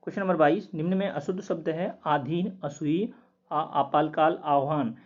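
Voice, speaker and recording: A man working through quiz answers as a teacher, steadily repeating each word slowly to explain it. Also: on the high side. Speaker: Hindi test teacher. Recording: dull lo-fi recording.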